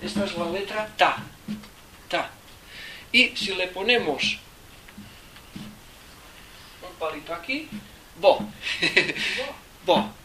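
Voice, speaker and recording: Man, Catalan accent, high bright voice, rambling lecturer, distant mic with faint hiss. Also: expressive, slow pace, pauses often. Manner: rambling, asks "¿eh?" again and again, thinks aloud. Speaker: teacher of theosophy. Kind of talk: informal talk to a small group.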